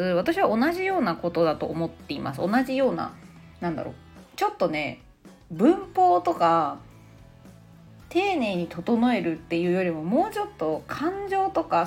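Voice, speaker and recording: Animated woman teaching on a podcast. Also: medium pitch. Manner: playful, chatty explainer. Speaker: English teacher and podcast host. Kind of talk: casual podcast language lesson.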